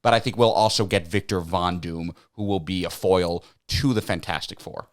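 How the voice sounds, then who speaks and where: A man co-hosting a comics podcast, calmly explaining background facts. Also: sits low, normal speed. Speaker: podcast co-host. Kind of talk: casual chat about comics.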